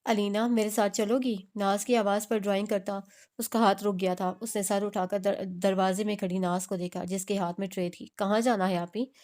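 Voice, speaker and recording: A woman's voice: mid-range voice, little pitch movement, moderate pace, darkish tone. A woman narrating a romance novel, reading all the characters' dialogue in a near-plain voice with small restarts. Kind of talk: scripted audiobook narration.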